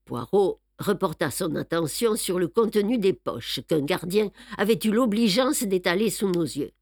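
A woman narrating a novel in the first person with a measured, even storytelling manner. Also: mid-range voice, no echo, clean studio sound. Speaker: audiobook narrator.

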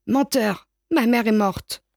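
A woman's voice: medium pitch, brisk, a little mellow, dry recording, lightly acted. A hurt, stubborn little girl speaks up in a raised, pleading voice, as a woman reads her part. The recording is close and dry with no room sound. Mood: upset.

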